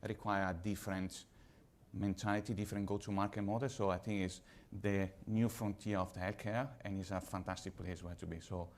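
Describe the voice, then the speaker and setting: A man from Italy with an Italian accent, speaking on a conference panel as a pharma executive, measured and slightly halting in English. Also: deep voice, little pitch movement.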